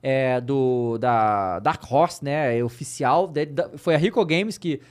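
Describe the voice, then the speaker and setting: A man's voice: medium pitch, takes it slowly. A man in his thirties hosting a casual livestream, speaking into a close studio microphone. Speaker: live show host. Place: podcast studio. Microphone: close studio microphone on arm.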